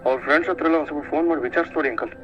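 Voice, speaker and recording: A man's voice: a little high, rapid-fire, dull audio, close to an everyday voice. A man playing a worried son in a TV serial, urgently asking about his missing father. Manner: urgent, pleading. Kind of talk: TV serial acting.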